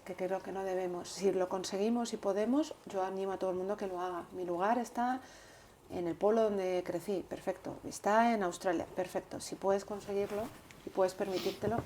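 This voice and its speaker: A woman guest in an interview, talking earnestly and in a measured way, often repeating words while she thinks. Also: mid-range voice, dark tone, slight background noise. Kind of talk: reflective interview talk.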